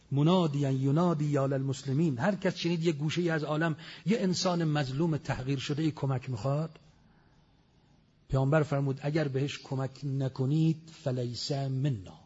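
A man with a husky, slightly high voice delivers an emphatic religious lecture, reciting Arabic verses as he goes. The recording is dull and lo-fi, with a long reverb from a large hall. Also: a little mellow. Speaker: cleric lecturer.

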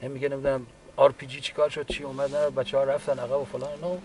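A man, a wounded war veteran, giving a halting, unhurried personal account with frequent restarts. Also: mid-range voice, level tone, a little mellow, slight background noise. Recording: distant mic with faint background ambience.

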